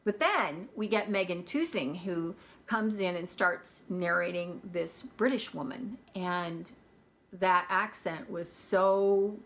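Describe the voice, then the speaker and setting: A woman's voice: on the low side, slow pace. An American woman talking casually and candidly about audiobooks she listened to, with chatty asides. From United States. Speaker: audiobook reviewer. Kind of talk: casual chat.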